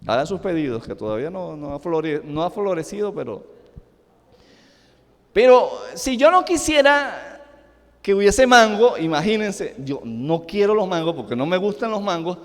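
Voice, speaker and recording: In an echoing church sanctuary, a middle-aged man with a Venezuelan Spanish accent preaches a sermon at normal speed. His high, sing-song voice rises and falls sharply, emphatic and packed with rhetorical questions.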